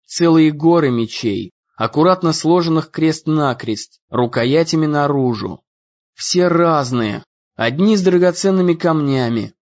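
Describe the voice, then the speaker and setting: A man reading a story aloud as an audiobook narrator, voicing the characters' lines himself and raising his voice for the shouts. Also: a little high. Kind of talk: scripted narration. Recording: dull lo-fi audio.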